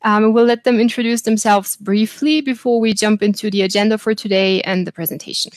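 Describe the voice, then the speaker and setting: A woman's voice: medium pitch, steady tone, fairly quick, no room sound. A woman hosting a university webinar over a video call, friendly and speaking with frequent fillers. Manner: friendly, filler-heavy delivery. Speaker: webinar host.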